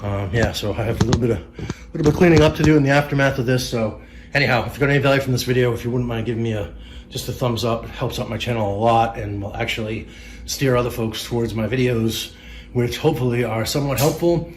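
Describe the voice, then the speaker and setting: A man's voice: medium pitch, steady tone, fast talker, a little hiss or hum. Rambling Boston-accented man in an echoey room. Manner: rambling, with many ums and restarts. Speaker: tech vlogger. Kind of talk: casual unboxing vlog. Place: living room at home. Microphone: camera on a tripod.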